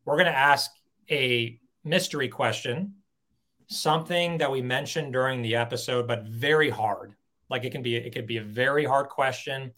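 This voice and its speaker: A man's voice: mid-range voice, moderate pace, pushed and bright. A man co-hosting a live talk show, enthusiastic and casual, explaining a giveaway segment and swearing freely. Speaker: co-host.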